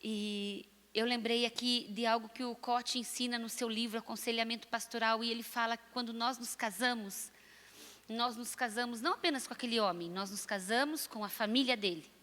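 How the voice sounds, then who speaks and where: A Brazilian woman pastor preaching a lively sermon and addressing her listeners directly. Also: on the high side, moderate pace, long reverb tail. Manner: animated, lively preaching with asides to the audience.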